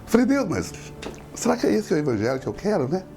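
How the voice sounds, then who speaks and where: A man's voice: high-pitched, huge pitch swings, fast talker, creaky, warm tone. A middle-aged man, a pastor, giving an emotional, tearful personal testimony.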